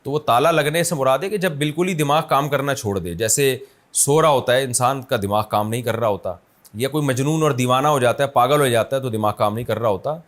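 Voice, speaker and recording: A man, an Islamic scholar, answering a viewer's question in a conversational but emphatic religious lecture, explaining with everyday examples. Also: mid-range voice. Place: his office city.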